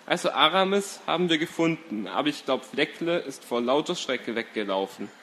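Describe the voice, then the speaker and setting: A man's voice: on the high side, lively intonation, normal speed, a bit bright, a little hiss or hum. A man voicing Hannes, a cheerful, loyal young friend in a read-aloud story, easygoing and reassuring.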